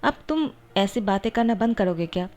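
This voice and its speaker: A woman's voice: mid-range voice, lively intonation, normal speed, a little mellow, natural voice. A woman voicing a weary, curt young male doctor in a storybook-style reading.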